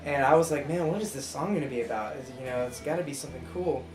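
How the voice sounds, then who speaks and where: A man, a band member, telling a story in a laid-back, slangy, animated way during an interview. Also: mid-range voice, fast talker, reverberant, faint music behind, low-quality recording.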